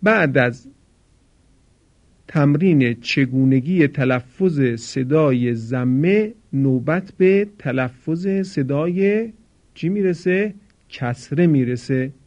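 Guy teaching pronunciation on a muffled old recording, slow careful example words for you to repeat. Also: on the high side, animated. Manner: slow, loud, drawn-out model words for repetition; formal, measured explanation. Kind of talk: recorded pronunciation lesson for listeners.

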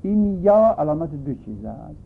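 A man's voice: on the high side, sing-song, gravelly, breathy edge. A man teaching a grammar lesson, patiently explaining a text and repeating each point in new words. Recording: tinny phone-like recording.

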